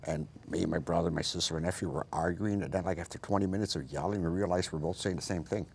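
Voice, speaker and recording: A middle-aged man, a guest on a casual talk show, talking in a quick, excitable way. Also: deep voice, creaky, noisy background. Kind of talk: casual studio chat.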